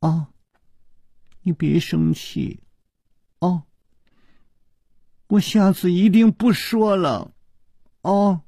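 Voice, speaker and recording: Guy doing a cool teasing young woman, low soft breathy voice, slow. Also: very animated, no echo, studio quality, heavily acted. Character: cold proud young woman, teasing and coy.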